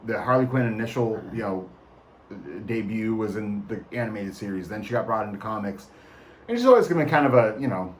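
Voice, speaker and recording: A man's voice: on the low side, lively intonation, a little fast, slight background noise. A man co-hosting a casual movie review chat, enthusiastic and blunt, with frequent laughs. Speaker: podcast co-host.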